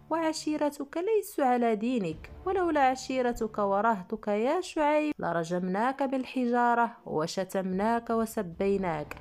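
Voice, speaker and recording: A woman's voice: fairly high pitch, darkish tone. A woman doing scornful arrogant ancient townsmen. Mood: taunting. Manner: scornful, taunting. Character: mocking arrogant men of an ancient people.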